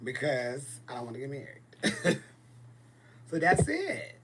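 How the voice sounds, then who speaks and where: A man's voice: medium pitch, huge pitch swings, slow pace, a bit bright, a little hiss or hum. A man in his forties hosting a casual livestream, chatting and answering viewer comments in a blunt, sassy way. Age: 40s. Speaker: livestream host. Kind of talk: casual live chat reading viewer comments.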